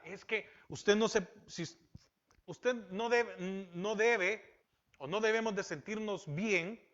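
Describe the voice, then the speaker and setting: Male pastor, sermon delivery, rhetorical questions, bright forceful tone, lo-fi recording. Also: sits high. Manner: asks rhetorical questions and repeats key phrases. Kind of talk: Bible-teaching sermon. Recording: dull lo-fi sound.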